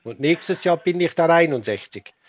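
A man in a prank phone call, talking slowly and pedantically while pretending to be confused. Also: on the high side, animated. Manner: slow, pedantic, feigning confusion. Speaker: prank caller baiting a scammer.

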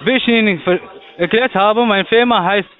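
A call center agent speaks in a high voice, his phrasing halting and long-winded. His voice comes through a thin, tinny phone line. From Portugal. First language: Portuguese.

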